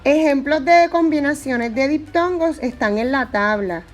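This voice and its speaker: A woman's voice: sits high, animated, unhurried, faint music behind. A woman teaching a Spanish grammar lesson, explaining patiently and repeating her examples.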